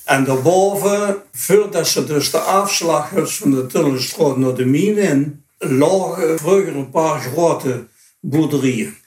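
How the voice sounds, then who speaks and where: A man's voice: on the high side, a little slow, darkish tone. A man in his late eighties with a broad Dutch Limburg accent, reminiscing in a rambling, colloquial way. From Dutch Limburg, Netherlands. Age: late 80s. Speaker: interview guest. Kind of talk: informal spoken reminiscence. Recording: echoey, roomy sound.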